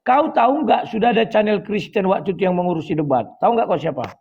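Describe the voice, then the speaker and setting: A man's voice: high voice, animated, fast, slightly rough, muffled recording. A man in a heated online debate, combative, who keeps cutting in to demand his turn. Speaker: guest debater.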